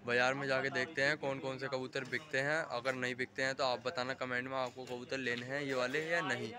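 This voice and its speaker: Out on a rooftop, a young adult man films a casual vlog on a handheld phone, chatting, showing his pigeons, telling his friends what to do and addressing viewers. He speaks briskly with a flat delivery in a mid-range voice, and a crowd can be heard in the background.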